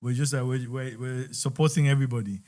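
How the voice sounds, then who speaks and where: A man guesting on a podcast talks loosely about his rap career. His voice sits at an everyday middle pitch, and he slips into softer, quieter remarks as he goes. The delivery stays unhurried and conversational. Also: fairly even intonation. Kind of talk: casual storytelling chat.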